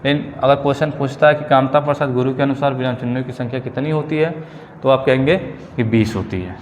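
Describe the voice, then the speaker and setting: A male teacher giving an exam-prep grammar lesson, repeating key phrases slowly and checking in with his students. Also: mid-range voice. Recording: long reverb, faint ambient noise.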